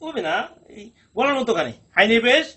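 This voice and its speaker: A man teaching Quran pronunciation in a recorded lesson, drilling each sound slowly with repetition. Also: extremely high pitch, very animated, bright, forceful tone, husky.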